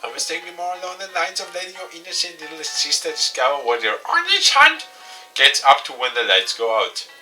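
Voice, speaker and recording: A man voicing a teasing, mysterious teleporting girl in a high, playful voice. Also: very animated, brisk, bright, forceful tone, faint music behind, heavily acted.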